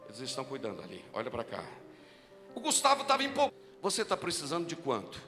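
Brazilian pastor preaching in a reverberant church. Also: male voice, huge pitch swings, fast talker, sharp tone. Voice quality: deep, strong voice. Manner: storytelling preacher, repeats key lines, rising to fervent exhortation. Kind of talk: sermon. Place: large church hall. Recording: live church recording with long reverb and music.

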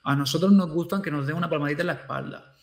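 A man who teaches school, talking casually with an animated way of acting out what he says to his pupils. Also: on the high side, rapid-fire, roomy sound. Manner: animated, acts out quoted speech to pupils. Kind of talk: casual conversation.

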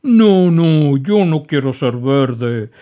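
A man's voice: a little high, animated, extremely slow, pitched above the performer's own voice. A man voicing a big, childlike male dragon who wails and whines through tears. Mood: sobbing. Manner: wailing, sobbing, whiny. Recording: dull lo-fi recording.

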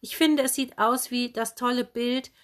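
Woman doing a cheeky little girl, raised pitch. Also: steady tone, normal speed, lightly acted. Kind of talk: audiobook character voice.

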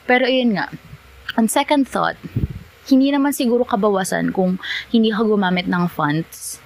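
Casting: female Filipino podcast host, mid-pitched voice, casual Tagalog-English mix, thinking aloud and correcting herself. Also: moderate pace, creaky, poor audio. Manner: switches between Tagalog and English (Taglish). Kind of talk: casual solo podcast chat.

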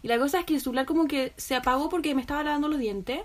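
Young chilean girl on a call, high voice, rambly slangy storytelling. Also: very fast, crowd noise. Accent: Chilean Spanish. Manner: chatty storytelling, lots of slang fillers. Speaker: podcast co-host. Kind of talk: casual chat between friends.

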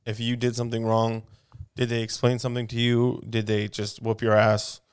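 A man's voice: medium pitch, completely flat delivery, normal speed, clear, resonant tone. A man chatting casually on a podcast, swearing a lot and asking the others questions. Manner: profane, rambling, asks questions. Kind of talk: casual chat.

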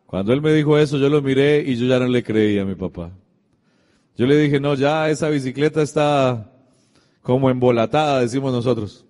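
Pastor preaching in a reverberant hall. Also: male voice, medium pitch, moderate pace, a little mellow. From Colombia. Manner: storytelling, acts out dialogue, addresses the congregation directly. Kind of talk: sermon with a personal anecdote.

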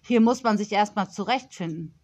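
A woman voicing a whimsical, dreamy grown-up nanny who speaks calmly and mildly. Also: medium pitch, normal speed, natural voice.

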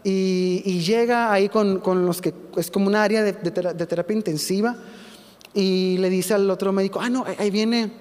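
A man's voice: high-pitched, fairly even intonation, moderate pace, darkish tone, smooth, big-room sound. A man with a Mexican accent preaching in a vivid, conversational storytelling style, sharing a personal testimony. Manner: vivid, conversational storytelling with frequent self-corrections. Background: music.

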